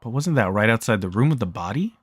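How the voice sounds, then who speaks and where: A man's voice: fairly low pitch, expressive, quick pace, breathy edge, no room sound, clean studio sound. A man reading a visual novel's text aloud for a let's play, narrating plainly and stopping now and then to joke and laugh. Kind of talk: reading game text aloud with casual asides.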